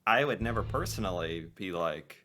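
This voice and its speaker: A man's voice: low-pitched, normal speed, a little hiss or hum. A man from the United States musing aloud as he reacts to a video. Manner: animated, musing, laughs between thoughts. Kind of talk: casual commentary.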